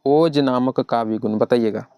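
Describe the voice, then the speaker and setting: A man's voice: mid-range voice, moderate pace, dark tone, clear, resonant tone, no room sound, studio quality. A male teacher running an online exam-prep class. He explains step by step, asks the students questions and answers them himself, and keeps calling the listener "brother". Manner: addresses the listener as "brother" over and over.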